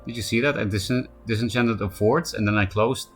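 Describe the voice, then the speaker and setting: Soft music plays behind this Polish-accented streamer as he talks casually through a live card game, naming viewers as he answers them and dropping quick asides. His voice sits on the low side and sounds a bit bright.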